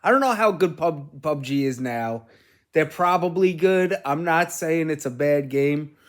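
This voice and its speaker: Middle aged new dude, slightly high voice, rambling streamer chat, swears casually. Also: male voice, unhurried. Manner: animated storytelling with casual swearing. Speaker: gaming streamer and host.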